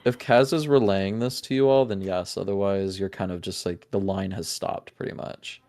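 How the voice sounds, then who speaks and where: Deep-voiced guy running a d and d game, chill and rambling, lots of ums. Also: steady tone, darkish tone. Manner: casual, halting, many fillers. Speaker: game master. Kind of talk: narrating a tabletop game.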